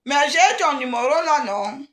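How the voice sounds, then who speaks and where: A woman, chatting casually and excitedly on a live stream and teasing her viewers. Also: sits high, unhurried. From Cameroon.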